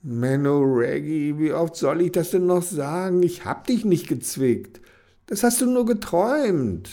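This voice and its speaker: A man's voice: a little high, big pitch swings, unhurried, dark tone, voice pushed up, full character voice. A man voicing a caring, stubborn young girl in a children's storybook, in a raised, sweet voice. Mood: annoyed.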